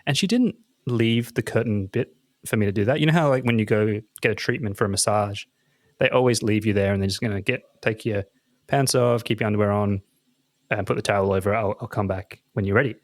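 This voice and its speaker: A man co-hosting a podcast, telling a comic story in an animated, self-mocking way with frequent laughs. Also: lowish voice, brisk, dry recording. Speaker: podcast co-host. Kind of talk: casual chat, comic storytelling.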